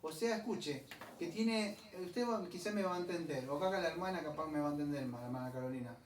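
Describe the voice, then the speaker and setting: A male pastor, preaching a conversational sermon. He digresses often and spells out Greek words slowly. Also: a little high, lively intonation. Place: church hall. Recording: echoey room, distant mic, faint ambient noise.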